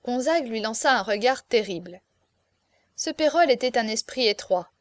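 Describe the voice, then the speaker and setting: A woman narrating a classic novel as an audiobook in a steady, expressive storytelling voice. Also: fairly high pitch, normal speed, no room sound.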